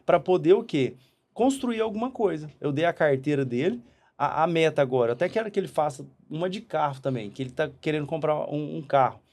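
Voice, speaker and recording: A man from Brazil hosting a casual podcast chat, talking in animated quick bursts and often repeating words. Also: fairly high pitch. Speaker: podcast host.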